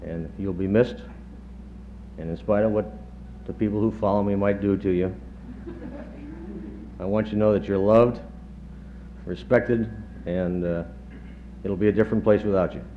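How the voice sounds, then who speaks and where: A middle-aged man, a chief of staff, giving a halting tribute speech with dry humor, heard on old worn reel-to-reel tape. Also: fairly low pitch, steady tone. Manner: halting, many pauses and fillers, dry humor. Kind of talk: after-dinner tribute speech. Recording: dull worn 1970s tape with faint hum.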